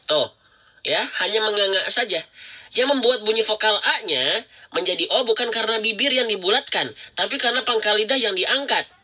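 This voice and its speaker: A man's voice: sits high, pushed and bright. A man teaching Quran recitation rules in a live-streamed lesson, patiently repeating and demonstrating letter sounds and thanking viewers.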